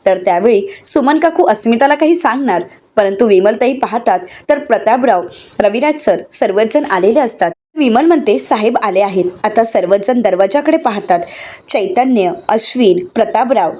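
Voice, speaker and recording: A woman narrating an episode recap in a steady, scripted recounting manner. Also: a little high.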